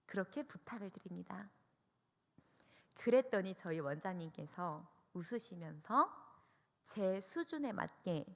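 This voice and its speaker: A young woman youth minister giving an emotional testimony sermon, telling her story with animated, expressive delivery. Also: medium pitch, long reverb tail. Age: young adult. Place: church hall.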